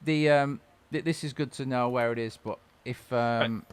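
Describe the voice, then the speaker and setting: A man's voice: mid-range voice, fairly even intonation, moderate pace, clean tone, dry recording. Chatty male webcast host. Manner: chatty, loose, lots of restarts. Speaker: host and music-production trainer. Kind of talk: casual webcast chat.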